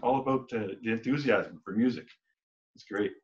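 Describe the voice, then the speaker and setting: A man's voice: lowish voice, moderate pace, noisy background. Rambling man with a dull lo-fi sound. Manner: rambling, many restarts, acts out quoted exchanges. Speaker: band member. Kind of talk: casual interview talk. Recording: dull lo-fi recording.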